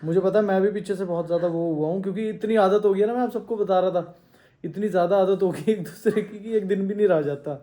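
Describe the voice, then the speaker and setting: Excited young Indian-style vlogger man, high voice. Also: quick pace. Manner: excited, teasing, talks to viewers. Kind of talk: casual vlog chat. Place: in a car, then at home.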